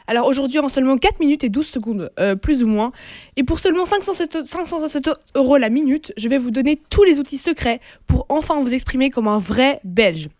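A woman's voice: high voice, lively intonation, fairly quick, a little mellow, dry recording. A young Belgian woman with a Belgian French accent, hosting a playful mock lesson as a teasing quizmaster in a radio studio. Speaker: radio columnist. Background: faint music.

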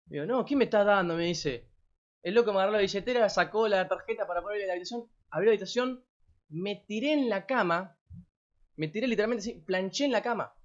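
A man's voice: sits high, quick pace. A young man in his late teens with an Argentine Rioplatense accent, telling a story casually to a live audience as a streamer, rambling and slangy with plenty of swearing. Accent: Argentine Rioplatense Spanish. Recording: dull lo-fi recording.

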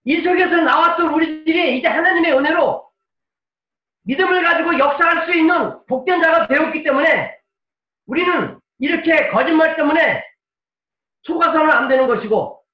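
A male pastor preaching a dramatic sermon, moving between soft pleading and forceful shouting. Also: very high voice, normal speed, dull audio. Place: church sanctuary. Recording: echoey room, mic at a distance.

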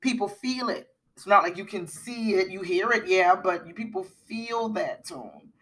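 A woman's voice: mid-range voice, animated, normal speed, fairly bright tone. A middle-aged woman co-hosting a podcast in casual chat, rambling with fillers and restarts. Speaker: podcast co-host.

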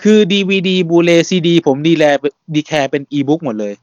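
Chatty Thai podcast host, dry sound. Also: male voice, a little high, expressive, brisk, no room sound, lo-fi sound. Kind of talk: casual podcast chat.

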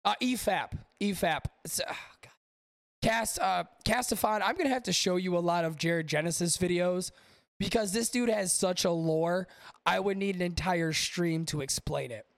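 A man's voice: high-pitched, moderate pace, gravelly, no echo, clean studio sound. A male podcast host giving casual, profane, exasperated reaction commentary.

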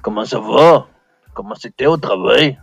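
A gruff, strict father with a Québécois accent who blusters and turns loud, as a man plays him, his voice gravelly. It is a homemade improvised story. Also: mid-range voice, lively intonation, measured pace, dry recording, muffled recording, faint music behind, heavily acted. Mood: blustering. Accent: Québécois French.

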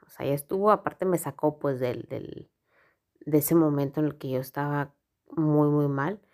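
A woman talks through a personal story in a loose, rambling way, leaning on filler words as she goes. Her voice sits a little low for a woman. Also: fairly even intonation, normal speed, darkish tone. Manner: frank, rambling, heavy use of filler words.

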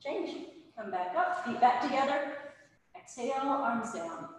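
A woman's voice: high voice, lively intonation, a little slow. A woman instructing a yoga class, calling out directive cues in short, clipped commands. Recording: very echoey hall, distant mic, background noise.

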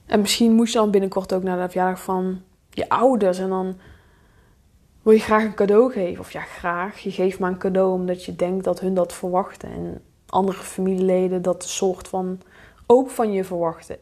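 With a steady, slightly mellow voice at a moderate pace, a woman hosts a solo podcast as a coach. She is direct and confronting toward her listener, shifting into a low mutter for her private thoughts.

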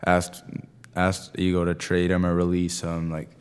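A man with a very low voice chats in an easygoing, agreeable way, pausing often and filling the gaps with "like". The room around him is reverberant, and each phrase rings on after he stops. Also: completely flat delivery, smooth. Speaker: co-host. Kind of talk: casual chat.

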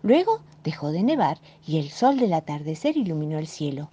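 A woman with a Rioplatense accent reading children's bedtime stories in an expressive, warm way. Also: sits low, normal speed, lo-fi sound, very noisy. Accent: Rioplatense Spanish. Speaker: storyteller. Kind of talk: children's story narration.

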